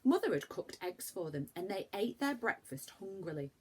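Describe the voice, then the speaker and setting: Her voice mid-range and husky, a woman reads a story for children at a moderate pace. She sounds like a primary school teacher, giving young listeners animated, dramatic emphasis.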